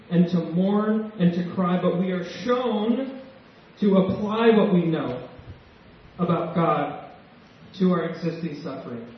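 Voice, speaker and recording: A male pastor preaching a sermon with emotion and slow, emphatic pauses. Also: high-pitched. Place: church sanctuary. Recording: echoey church hall, distant mic, dull sound.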